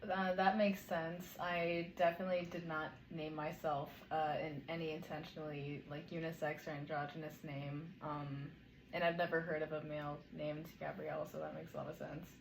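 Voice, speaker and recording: A young adult answering interview questions briefly and plainly, pausing often with ums. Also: mid-range voice, flat delivery, creaky, echoey room, slight background noise, poor audio.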